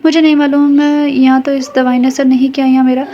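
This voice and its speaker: A woman's voice: high-pitched, level tone, warm tone, a little hiss or hum, natural voice. A woman narrator voicing a tired, wronged young maidservant who speaks sorrowfully, in a dull lo-fi recording. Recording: dull lo-fi audio.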